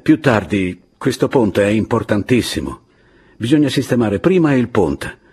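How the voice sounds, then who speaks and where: A man voicing a calm, earnest young dynamiter in an audiobook, with a husky voice and a measured delivery. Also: fairly low pitch, pitched above the performer's own voice.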